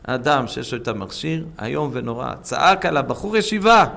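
A man preaching a sermon with stories, swinging between loud urging and hushed asides, and calling his listeners friends. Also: medium pitch, big pitch swings, creaky.

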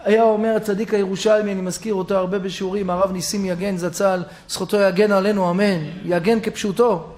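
Animated high-voiced male preacher. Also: hardly any pauses. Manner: animated storyteller acting out characters, rising to shouts. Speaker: rabbi giving a Torah lesson. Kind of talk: storytelling sermon.

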